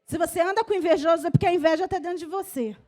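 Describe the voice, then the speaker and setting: High-voiced woman pastor preaching. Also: racing. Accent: Brazilian Portuguese. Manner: conversational, swings from soft asides to loud exhortation. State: voice slightly strained. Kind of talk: sermon.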